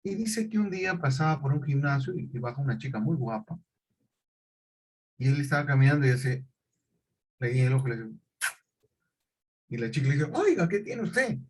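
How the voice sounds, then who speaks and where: A man's voice: mid-range voice, brisk, pauses often, darkish tone. A male teacher leading a conversational class, telling chatty anecdotes and correcting himself as he goes. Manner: chatty storyteller, self-correcting, laughs mid-story.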